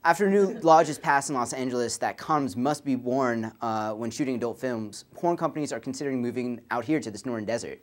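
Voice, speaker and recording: A young man hosts a student comedy show in a dry, deadpan way. He rattles off jokes plainly and mutters his asides more quietly. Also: mid-range voice, fast, hardly any pauses, a crowd in the background. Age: young adult.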